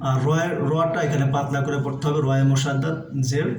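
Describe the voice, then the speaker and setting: A man from Bangladesh teaching Quran recitation, slowly chanting verses and then explaining pronunciation step by step. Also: a little high, level tone, noisy background. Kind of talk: slow explanatory lesson. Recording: echoey room, voice from a distance.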